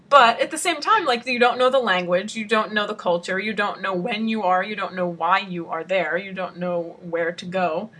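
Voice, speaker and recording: A woman's voice: fairly low pitch, fairly bright tone. A woman co-hosting a casual podcast, chatting about a book and thinking aloud with fillers. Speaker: podcast co-host.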